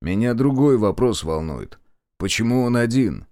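A man voicing a gruff, sarcastic partisan commander in wartime. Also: medium pitch, big pitch swings, normal speed, a little mellow, no echo, clean studio sound, lightly acted. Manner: barking, sarcastic.

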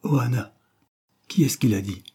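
An eager, honest schoolboy in a storybook, speaking a little higher than a low, husky base as a man reads him. The tone stays dark and mellow. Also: normal speed. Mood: distressed. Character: earnest, candid schoolboy. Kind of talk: audiobook character voice.

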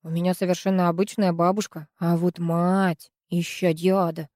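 A woman voicing a blunt, sullen teenage girl in an audiobook, speaking curtly and flatly. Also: fairly low pitch, moderate pace, dry recording, studio quality, natural voice.

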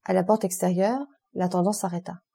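A woman reads a classic novel aloud in a measured, expressive storytelling voice. Her tone is warm and mellow with a soft, breathy edge. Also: fairly low pitch. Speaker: audiobook narrator. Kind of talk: literary audiobook narration.

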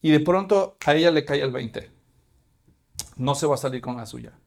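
A man's voice: on the high side, expressive, moderate pace, creaky, a little mellow. A man, preaching a sermon as pastor and asking his congregation questions.

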